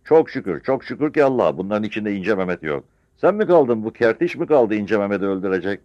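A man's voice: lowish voice, very animated, quick pace, no room sound, muffled recording, pitched above the performer's own voice. A man playing a defiant old war veteran. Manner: scolding, boastful, loud.

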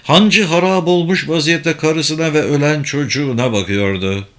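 A man narrating an audiobook in a measured, somber reading. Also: on the high side, a bit bright.

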